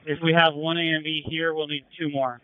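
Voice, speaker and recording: Male firefighter, slightly high and very clean voice, urgent businesslike radio reports, dry narrow band. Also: flat delivery, a little fast, clear, resonant tone, no room sound. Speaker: firefighter officer reporting from the scene. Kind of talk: fire radio status reports, clipped.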